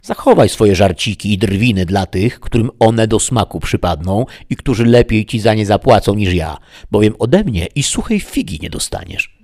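A man voicing a shrill, scolding old duenna. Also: animated, normal speed, a little mellow. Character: older woman, indignant castle duenna.

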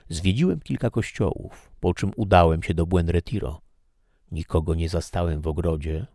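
A man narrating an audiobook in a measured, even reading. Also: extremely low pitch, dry recording, studio quality.

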